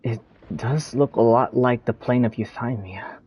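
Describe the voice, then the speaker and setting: A man playing a calm, thoughtful young traveler hero in a video game, with a slightly husky voice. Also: mid-range voice, unhurried, lo-fi sound. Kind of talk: scripted video game dialogue.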